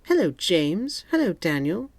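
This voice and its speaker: A woman's voice: fairly low pitch, big pitch swings, a little slow, darkish tone, dry recording, voice pushed up, exaggerated voice. A man voicing a coy, flirty female office secretary who teases playfully. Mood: teasing. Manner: playful, teasing.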